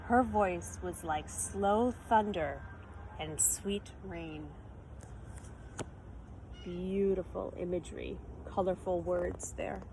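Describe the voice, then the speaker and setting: Her voice is fairly low and mellow, and she reads slowly as she shares a children's picture book with expression. In teacherly fashion, this storyteller explains words and asks listeners questions. The audio is poor, with faint background noise.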